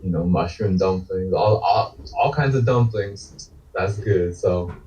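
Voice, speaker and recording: A man's voice: deep voice, unhurried, mellow. A man introducing himself on a panel in a loose, rambling way, full of "like". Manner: loose, rambling, many "like" fillers. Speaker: game designer panelist. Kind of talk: casual panel self-introduction. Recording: distant, dull lo-fi call audio.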